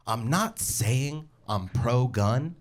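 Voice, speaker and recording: A man from California with a Californian American accent performs stand-up comedy for a live audience, telling stories in a casual, profane, slangy style. His voice is medium-pitched, with lively intonation and drawn-out words.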